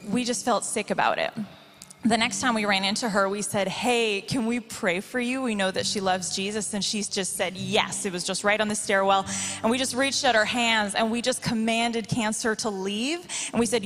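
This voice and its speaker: A woman telling a church testimony with emphatic, often excited delivery. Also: a little high, in a large hall. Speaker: church member sharing a testimony.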